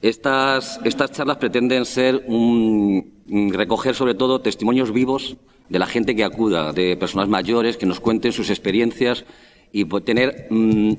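Lowish-voiced man in a reverberant hall. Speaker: festival association representative. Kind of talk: press conference talk. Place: large indoor hall at a press conference. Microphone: table press microphones. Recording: reverberant hall with faint background noise.

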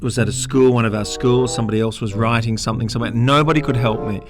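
A man's voice: mid-range voice, extremely slow. Playful man coaching pronunciation over music. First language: English. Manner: playful, teasing, drills pronunciation. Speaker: radio English-lesson co-host. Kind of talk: bilingual radio lesson chat. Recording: radio broadcast with background music.

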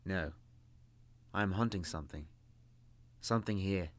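A man's voice: low-pitched, a little slow. A man voicing a dry, sarcastic demon hunter.

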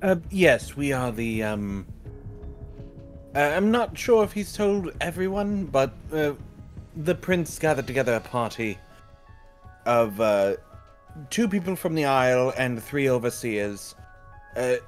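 A man's voice: medium pitch, big pitch swings, a little slow, pauses often, faint music behind. A man chatting casually and in character as a tabletop game player.

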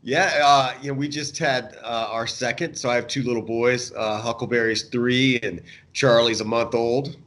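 An American fishing guide in his thirties or forties chats casually and reflectively as a guest in an interview held over a remote video call from an indoor room. His voice sits at medium pitch, slightly bright, with fairly even intonation and a normal pace.

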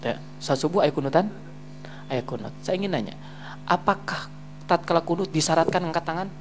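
A man teaching an Islamic study class in a lively, joking manner, swinging between loud emphasis and quiet asides and often asking if listeners understand. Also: fairly high pitch, brisk, slight background noise. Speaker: religious teacher. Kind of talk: casual Islamic study lecture. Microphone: streamed live.

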